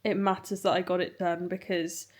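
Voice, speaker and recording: With a fairly low, level voice at a moderate pace, a British running vlogger talks casually to camera. She comes across as tired and wanders a little in what she says.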